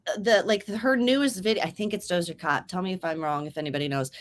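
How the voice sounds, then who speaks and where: In casual chat on her writing stream, a young woman spins lively stories and voices quoted dialogue with dramatic swings in pitch. Her delivery is quick.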